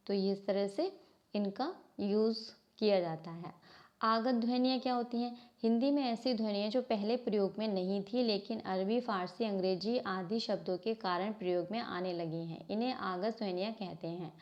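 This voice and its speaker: A woman with a mid-range voice teaches Hindi grammar to a class at a moderate pace, explaining from a book. She asks questions and answers them herself, frequently stopping to correct herself, and the recording has a slightly dull lo-fi sound.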